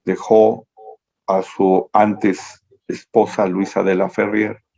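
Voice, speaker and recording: A man's voice: on the low side, level tone, slow pace, creaky, mellow. A man giving an esoteric lecture over a video call, telling a meandering story and correcting himself as he goes. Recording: dull lo-fi video-call audio.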